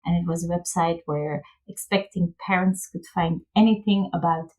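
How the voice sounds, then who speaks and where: A woman's voice: on the low side, fairly even intonation, normal speed, darkish tone, rough recording. Chatty Belgian woman, guest on a podcast. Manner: chatty, laughs often, searches for words. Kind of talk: casual interview.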